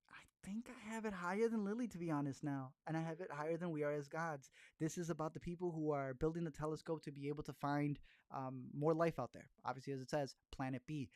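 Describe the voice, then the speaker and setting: A man's voice: fairly high pitch, darkish tone, no room sound, studio quality. A man casually chatting through film reviews as a podcast host, rambling along with fillers and restarts.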